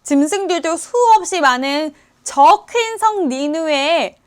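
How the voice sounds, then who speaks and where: A woman voicing God as a patient figure who gently rebukes, speaking slowly and deliberately. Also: very high-pitched, expressive, voice pushed up, full character voice. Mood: pleading. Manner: slow, deliberate questioning.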